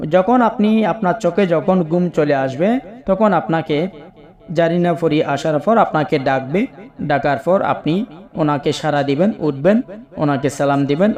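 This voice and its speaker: A man's voice: a little high, a little mellow, lo-fi sound. Man explaining a ritual step by step. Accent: Bangladeshi Bengali. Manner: repetitive, explains step by step, chants incantations slowly. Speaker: spiritual ritual instructor. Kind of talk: spoken how-to instruction.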